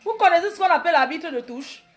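A woman's voice: very high voice, expressive, quick pace, a bit bright, faint music behind. A woman in her late thirties with a Cameroonian French accent, doing a brash, boastful comedy monologue that mocks her critics. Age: 30s. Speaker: comedic vlogger.

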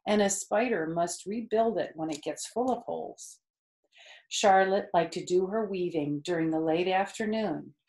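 A middle-aged woman with a lowish, slightly mellow voice and vocal fry hosts storytime, reading a children's book aloud and explaining it simply for young listeners. She records indoors in a small furnished room at home, which sounds roomy and echoey.

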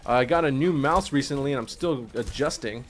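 A man streaming gameplay, commenting casually in slang with swearing, a little tipsy from drinking, and breaking into excited yells during play. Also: medium pitch, normal speed, slight background noise. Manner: laid-back, slangy, swears, bursts into excited yelling at play. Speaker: gaming streamer.

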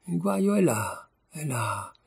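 A man's voice: fairly high pitch, big pitch swings, slow pace, gravelly, a little mellow, breathy edge, exaggerated voice. A man reading as a bitter, sardonic young man. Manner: ironic, wry, bitter. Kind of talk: audiobook reading of a short story.

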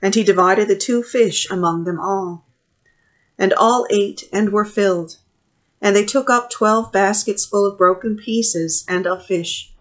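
Middle-aged lady priest reading the liturgy, steady and measured, webcam in a little office. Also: mid-range voice. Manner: measured, steady reading with pauses between phrases. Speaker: priest leading morning prayer. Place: small office at home. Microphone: webcam at desk distance.

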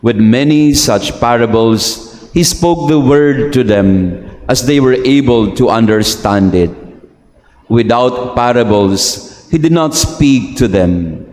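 A middle-aged priest reads scripture solemnly, with measured, deliberate phrasing, in a church with cathedral echo. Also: male voice, mid-range voice, expressive, a little mellow. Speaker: priest reading the Gospel. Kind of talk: solemn liturgical scripture reading. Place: large church interior at a lectern. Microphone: gooseneck lectern microphone. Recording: echoing church, cathedral-like reverb.

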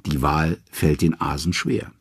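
A male audiobook narrator tells myths in a lively, expressive way. His voice is very low and gravelly with a husky edge, and the sound is dry and close. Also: measured pace, no room sound. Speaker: audiobook reader. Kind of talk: scripted storytelling narration.

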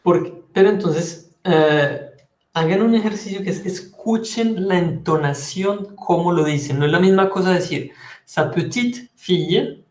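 A man with a Colombian Spanish accent teaching a French lesson, patiently explaining and repeating phrases slowly. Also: high voice, darkish tone, echoey room. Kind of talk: online language lesson.

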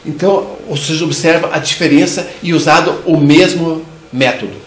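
An older man with a Brazilian Portuguese accent delivers a clinical lecture on oral disease, patient and explanatory. He often repeats and restarts words as he goes. His voice sits a little high and carries the echo of a book-lined room. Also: steady tone, moderate pace. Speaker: lecturer, dental surgeon. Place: room with bookshelves. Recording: echoey room sound.

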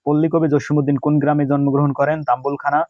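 A man's voice: fairly high pitch, little pitch movement, quick pace, dry recording, lo-fi sound. A young man, running an exam-prep lesson, reading each question and repeating the answers. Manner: reads questions then answers, repeats key answers.

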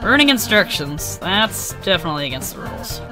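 A woman's voice: fairly low pitch, very animated, a little fast, pushed and bright, faint music behind, low-quality recording. A woman voicing a polite, anxious young monster prince from a video game, mild, earnest and hesitant. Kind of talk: voicing video game dialogue in a let's play.

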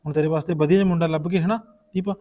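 A man playing a fast-talking, remorseful brother. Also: a little high, steady tone, warm tone, natural voice. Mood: reassuring. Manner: earnest, pleading, reassuring. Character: remorseful elder brother, protective of his sister. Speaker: elder brother. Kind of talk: amateur village short-film acting.

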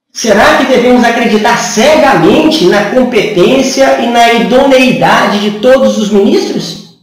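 A man's voice: very high voice, recorded from a distance. A man in his thirties with a Brazilian Portuguese accent, giving a rhetorical, sarcastic political opinion monologue to camera in a small room. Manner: rhetorical, sarcastic, asks many questions. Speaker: channel host. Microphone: camera from a few feet away. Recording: echoey room, voice a bit off-mic.

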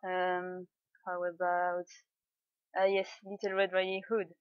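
Her voice lower and smooth, delivered completely flat and slowly, a young woman from France speaks English with a French accent in an informal voice meme. She reads words aloud, shy and awkward, laughing at herself, and the lo-fi home mic gives a dry, dull recording.

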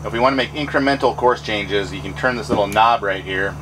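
In the pilot house of a trawler yacht underway, a low-voiced man gives a tour of his boat's helm. His walkthrough is casual, relaxed and practical, delivered briskly and sprinkled with fillers over background noise.

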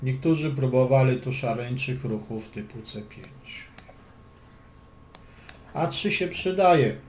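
Man calling chess moves, mellow and roomy. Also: medium pitch, animated, slow. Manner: dry joking asides between move calls. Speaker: chess instructor. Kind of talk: chess lesson commentary. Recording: echoey room with faint background noise.

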